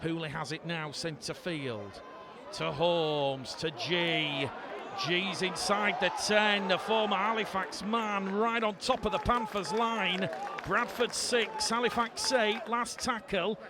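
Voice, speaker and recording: High-pitched male sports commentator over crowd. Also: slow. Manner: rises to excited shouting on scoring plays. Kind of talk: live rugby league commentary. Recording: loud crowd and stadium noise. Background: crowd noise.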